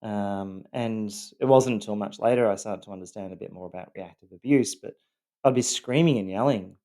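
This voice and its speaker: A man telling his own story in a loosely scripted personal vlog, talking in a halting, earnest way with many pauses and fillers. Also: lowish voice, warm tone. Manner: earnest, explaining.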